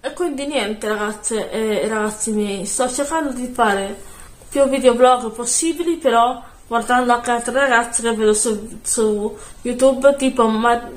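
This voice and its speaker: A woman chatting casually into her phone camera at home, soft-spoken and rambling, often correcting herself. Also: fairly high pitch, measured pace, reverberant. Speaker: beauty vlogger. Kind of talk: casual vlog chat.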